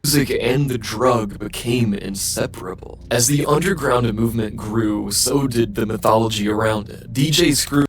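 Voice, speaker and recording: Man with measured documentary narration. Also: medium pitch. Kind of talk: scripted narration.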